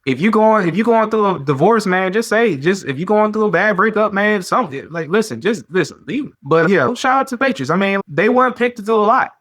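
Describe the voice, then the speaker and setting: A man hosting a sports podcast, talking in a casual, animated way with slang and lots of repetition. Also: sits high, fairly quick, hardly any pauses. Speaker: podcast host.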